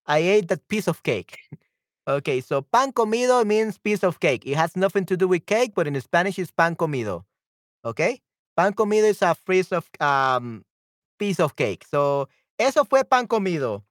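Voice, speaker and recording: A man hosting a live-stream language lesson, cheerful and quick to laugh, repeating phrases slowly and switching between two languages. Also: high voice, big pitch swings, dry recording, studio quality.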